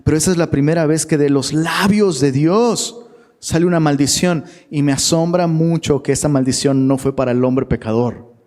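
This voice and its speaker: Long hall reverb surrounds a man's darkish, fairly high voice as he preaches at a moderate pace in a church hall. He's a youth pastor speaking to a live audience in a chatty, slangy style, often asking the crowd questions.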